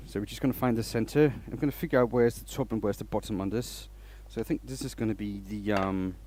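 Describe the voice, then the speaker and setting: A man from Denmark greets his audience during an informal woodturning livestream, chatting as he works, rambling and beginning sentences again. He speaks in a mid-range, somewhat mellow voice.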